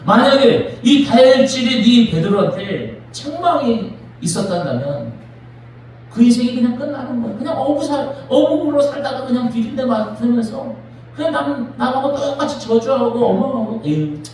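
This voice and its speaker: A man, a pastor, preaching a sermon in a church with animated, dramatic storytelling. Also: extremely high pitch, moderate pace, slight background noise. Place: church sanctuary. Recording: echoey church from a distant mic.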